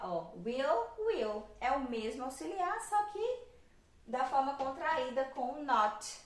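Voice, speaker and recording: A woman with a Brazilian Portuguese accent teaching English grammar, who patiently repeats her examples slowly and keeps checking in with her listeners. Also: high voice. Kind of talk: explaining grammar on a whiteboard lesson. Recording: echoey room, voice from a distance.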